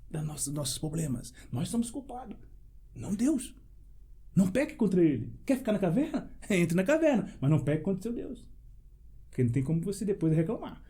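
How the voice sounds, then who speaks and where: A pastor speaks in a high but mellow voice. He preaches with emphasis and keeps asking rhetorical questions. He lets out short laughs between phrases while he tells his testimony. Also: husky. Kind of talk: preaching in a panel debate.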